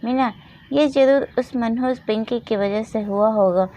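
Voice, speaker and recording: Woman putting on a mean stepmom voice, snappy and taunting, kinda high, storybook reading. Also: measured pace, mellow, lightly acted. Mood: scolding. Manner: taunting, shrill scolding. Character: harsh scolding stepmother, adult woman. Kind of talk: storybook narration with voiced roles.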